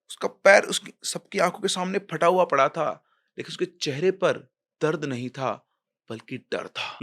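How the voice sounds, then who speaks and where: A man narrating a horror story in a tense, suspenseful way, dropping quiet at the scary parts. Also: sits high. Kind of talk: dramatic storytelling.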